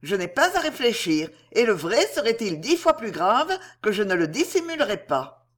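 A reader voicing a desperate young woman accused of a crime, pleading in a raised, lively voice. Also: medium pitch, normal speed.

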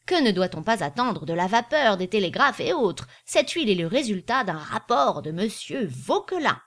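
A woman doing a loud, bombastic salesman. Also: medium pitch, big pitch swings, moderate pace. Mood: boisterous. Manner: bombastic, declamatory. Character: boisterous male traveling salesman, loud and showy.

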